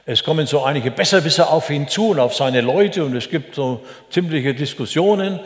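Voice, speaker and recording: A man's voice: on the high side, lively intonation, normal speed. Older man preaching in an echoey hall. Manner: chatty, folksy, frequent "ne?" asides. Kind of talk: sermon. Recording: echoey hall with long reverb.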